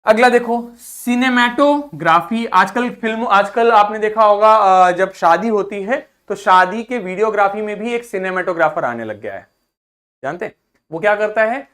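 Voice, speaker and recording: A man's voice: sits high, moderate pace, fairly bright tone. A man teaching a vocabulary lesson to students, explaining word roots in Hindi mixed with English terms, breaking words into syllables and having the class repeat them. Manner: drills pronunciation, breaks words into parts, asks class to repeat. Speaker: school teacher.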